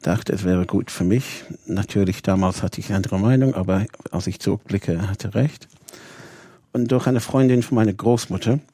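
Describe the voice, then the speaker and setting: As an interview guest, this rabbi of 59 from Bradford in Yorkshire, England, speaks with an English accent in a lowish, mellow voice at a moderate pace, with no room sound. His account is conversational and detailed, with occasional pauses to find words.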